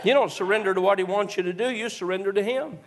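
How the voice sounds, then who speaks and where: A male preacher, telling folksy stories in a sermon and rising into shouted exhortations. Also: high voice, quick pace, a crowd in the background. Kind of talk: sermon with storytelling.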